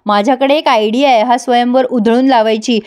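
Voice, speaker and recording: A woman's voice: fairly high pitch, steady tone, fairly quick, darkish tone, smooth, close to an everyday voice. A woman voicing a bold, cheeky young village woman with a playful, filmy way of talking.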